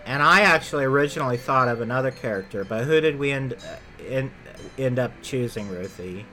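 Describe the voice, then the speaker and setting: A man's voice: mid-range voice, expressive, a little fast, bright, forceful tone. A man co-hosting a podcast, chatting casually and rambling, often correcting himself mid-sentence. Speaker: podcast co-host. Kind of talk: casual chat about theme park attractions.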